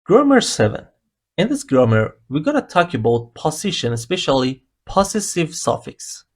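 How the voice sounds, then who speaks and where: Pitched on the high side with huge swings, his voice is darkish and moves at a moderate pace. The man is a language teacher giving a slow explanatory lesson, patiently breaking beginner grammar into single steps.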